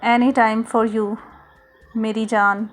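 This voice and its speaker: A woman reading a storybook, voicing a gentle fatherly middle-aged man in a slow, calm, even way. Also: on the high side. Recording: soft music underneath.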